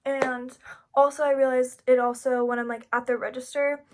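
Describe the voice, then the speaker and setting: A young woman talks through a class presentation in a loose, chatty way, dropping "like" into nearly every sentence. Her voice sits a little higher than most women's. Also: little pitch movement, normal speed, a little mellow, a little hiss or hum. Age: young adult. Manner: frequent "like" fillers, chatty and informal. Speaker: psychology student.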